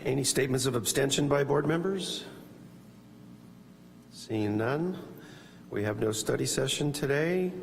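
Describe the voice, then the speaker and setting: A man's voice: mid-range voice, creaky. A man speaking as board chair, running formal meeting procedure. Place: public board meeting room. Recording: reverberant hall, faint noise.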